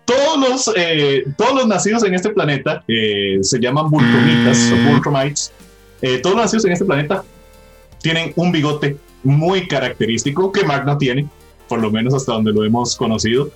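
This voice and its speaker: A man's voice: on the high side, animated, moderate pace, music in the background. A man hosting a casual pop-culture chat, explaining at length with frequent tag questions and fillers. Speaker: podcast host.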